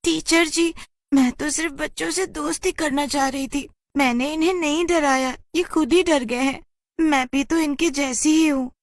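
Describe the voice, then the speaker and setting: A woman's voice: sits high, lively intonation, moderate pace, dry recording, voice pushed up. A sweet young witch girl in a storybook tale, earnest and friendly, as a woman narrator puts her on. The voice rises well above the narrator's own and stays close and dry. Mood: tearful.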